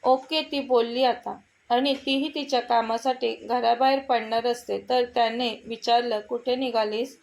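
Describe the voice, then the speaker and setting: A woman telling a story in a slightly gravelly voice. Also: a little high, steady tone, measured pace, a little mellow, poor audio. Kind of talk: scripted narration.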